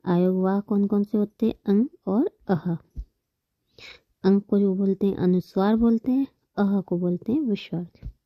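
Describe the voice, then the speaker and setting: A woman's voice: medium pitch, steady tone, moderate pace, no echo, muffled recording. Woman teaching grammar, patient and dry-sounding. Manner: patient, repeats terms and counts examples aloud. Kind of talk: explanatory online lesson.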